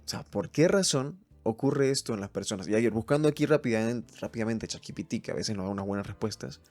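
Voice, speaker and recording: Venezuelan guy doing a solo podcast, lowish voice, reads a list and rambles on it, soft music behind. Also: lively intonation, fast talker. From Mérida, Venezuela. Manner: thinks aloud, reads points from a list and comments. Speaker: podcast host. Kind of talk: solo reflective podcast chat.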